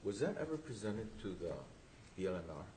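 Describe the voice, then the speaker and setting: A man questioning from the bench as a justice, in a halting, deliberate way. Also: fairly low pitch, big pitch swings, dark tone. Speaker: appellate justice questioning lawyers. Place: courtroom. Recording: faint background noise.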